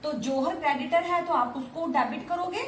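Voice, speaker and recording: A woman's voice: high-pitched, moderate pace. A woman teaching an accountancy lesson, explaining step by step and answering her own questions. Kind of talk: classroom lecture. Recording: echoey room with faint hiss.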